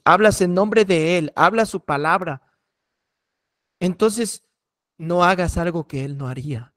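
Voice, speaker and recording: A middle-aged man, a pastor giving a preaching workshop and repeating key warnings earnestly. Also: on the high side.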